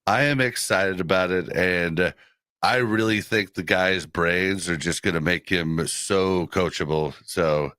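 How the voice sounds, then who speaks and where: A man's voice: sits low, measured pace, sharp tone, clean tone, dry recording. A man co-hosting a casual sports podcast, talking with a slight lisp from a retainer in a laid-back, rambling way. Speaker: podcast co-host.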